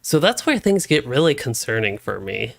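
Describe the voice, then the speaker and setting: Hiccuping as he plays, a young male gaming streamer thinks aloud in rambling, casual live-stream commentary from a room at home on a desk microphone. His mid-range voice is gravelly with big pitch swings at normal speed, and there's no room sound.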